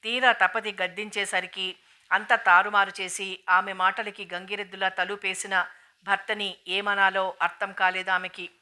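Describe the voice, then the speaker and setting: A woman narrating a novel in a steady, even storytelling manner, in an audiobook reading. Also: medium pitch, moderate pace.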